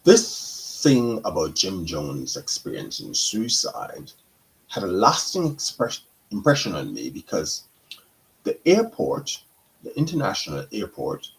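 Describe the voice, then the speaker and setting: Slow, deep-voiced man from Guyana. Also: poor audio. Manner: slow, deliberate, with pauses and self-corrections. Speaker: counselor and show host. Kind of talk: reflective monologue on a talk show.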